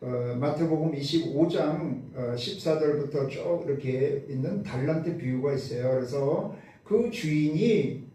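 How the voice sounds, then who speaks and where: Unhurried and warm, a man with a slightly high voice preaches from a church sanctuary, stressing his points and raising questions he then answers. His voice carries from a distance through a very reverberant hall.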